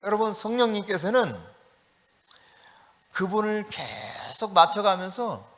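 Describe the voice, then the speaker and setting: A man preaching a sermon as pastor, telling a story in a lively way and acting out the quoted voices. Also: high voice, unhurried, in a large hall. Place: church sanctuary.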